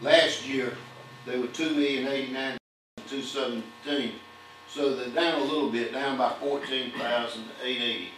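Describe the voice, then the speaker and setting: Delivering a formal audit report to the town council, an older man reads long strings of figures steadily from the podium, with the odd filler. His voice is mid-range, fairly even and a bit bright at a moderate pace, and the far-off camera and podium mic leave the audio echoey with a hum.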